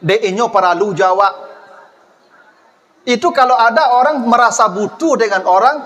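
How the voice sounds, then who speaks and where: Lively joking male preacher. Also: extremely high pitch, moderate pace, a little hiss or hum. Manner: lively, joking, addresses the audience directly. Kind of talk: humorous sermon to a congregation.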